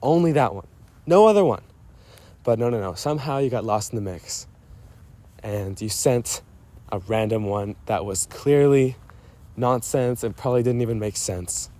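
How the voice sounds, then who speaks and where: He speaks at a normal speed with a mellow, medium-pitched voice. The clip is a personal voice memo to a friend, a loose, rambling monologue full of playful self-mockery, self-interruptions, and tangents.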